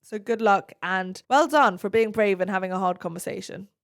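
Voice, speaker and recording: A woman's voice: mid-range voice, moderate pace. A woman hosting an advice podcast, answering listener questions in an earnest, direct and reassuring way.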